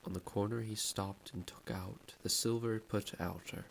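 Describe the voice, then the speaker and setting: A man reading an audiobook aloud in a steady, unhurried storytelling manner. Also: on the low side, gravelly, a little hiss or hum. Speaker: audiobook reader. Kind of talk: amateur audiobook narration.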